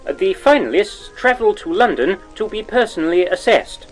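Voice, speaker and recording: A man's voice: high voice, animated, normal speed, faint music behind, low-quality recording. A man playing a pompous, lecherous male radio presenter from the 1940s, in a plummy old-time radio style.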